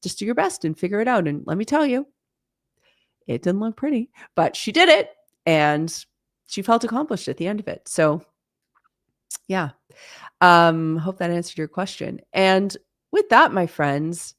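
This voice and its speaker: A woman's voice: on the low side, animated, a little slow, pauses often, dry recording, studio quality. A woman in her forties hosting a live-stream Q&A, talking in a chatty, candid way with plenty of fillers. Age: 40s. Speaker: host.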